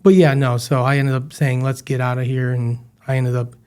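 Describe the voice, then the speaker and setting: A chef and business founder in his thirties from western New York guests on a podcast, trading stories in casual interview chat. He's chatty and self-deprecating, with a mid-range, darkish, clean voice delivered flatly at a moderate pace.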